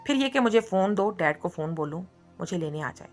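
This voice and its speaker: A woman's voice: lowish voice, lively intonation, a little fast, faint music behind, close to an everyday voice. A woman voicing a feisty young woman who scolds and protests indignantly in a read-aloud story. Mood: complaining. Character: feisty young woman, sharp-tongued captive.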